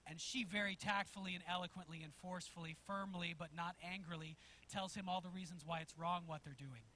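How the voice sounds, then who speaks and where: A man preaching a sermon as pastor in a church, telling a story in an animated way and chuckling as he goes. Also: high voice, brisk, slight background noise. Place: church sanctuary.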